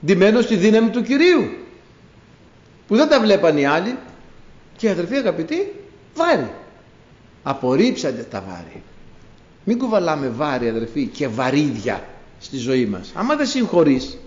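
A man preaching a sermon to his congregation, telling biblical stories with animated storytelling and acted-out dialogue. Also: a little high, pauses often. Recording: echoey room, dull lo-fi sound.

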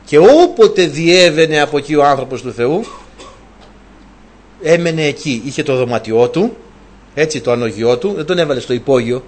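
A man's voice: on the high side, expressive. A man preaching a sermon, retelling a story animatedly and asking his listeners rhetorical questions.

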